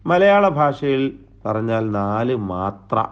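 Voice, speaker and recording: A man teaching a recitation lesson, explaining terms slowly and drawing out the recited words. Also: mid-range voice, big pitch swings, clear, resonant tone, muffled recording. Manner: slow, deliberate explaining with drawn-out recited terms. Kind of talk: tajweed lesson lecture.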